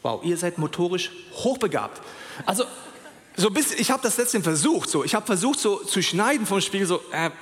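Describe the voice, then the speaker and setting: A man preaching a sermon in an animated way, speaking straight to his listeners with questions. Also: sits high, normal speed. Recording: long hall reverb.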